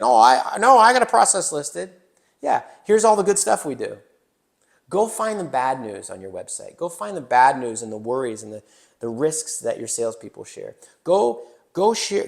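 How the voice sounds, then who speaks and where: A man hosting a casual business podcast from a new studio, animated and joking, with mild swearing. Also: mid-range voice, creaky. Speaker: podcast host. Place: newly built indoor studio.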